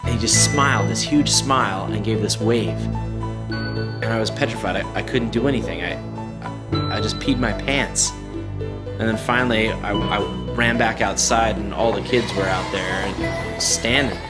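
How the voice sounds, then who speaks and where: A man's voice: lowish voice, close to an everyday voice. An actor playing a shy, prickly man in a support group who stammers and turns defensive. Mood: haunted. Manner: halting, stammering storyteller, defensive. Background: loud music.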